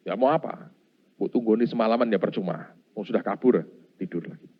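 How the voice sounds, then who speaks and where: A middle-aged pastor preaches briskly in a lowish voice, animatedly acting out his story and repeatedly addressing the congregation as "Saudara." The sound is dull and lo-fi.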